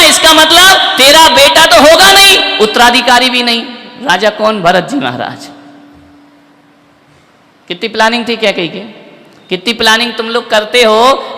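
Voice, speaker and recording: High, bright-voiced preaching monk in a reverberant hall. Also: male voice. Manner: fires rhetorical questions at listeners, animated storytelling. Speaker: Jain monk giving a discourse. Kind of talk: sermon retelling an epic to a live audience.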